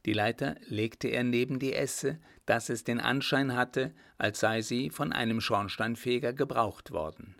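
A man narrating a period novel as an audiobook, with steady, even storytelling. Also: mid-range voice, a little slow, vocal fry, few pauses.

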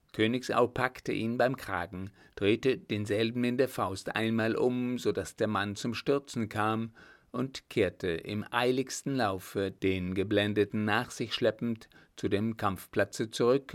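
A man reading a historical adventure novel aloud in a steady, measured narration. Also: fairly low pitch. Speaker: audiobook reader. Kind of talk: scripted narration.

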